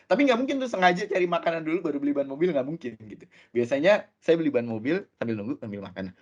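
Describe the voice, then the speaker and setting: A man giving a webinar presentation as a guest speaker, chatty and animated, telling stories with many fillers. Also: medium pitch, dull audio. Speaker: guest speaker from a tech company.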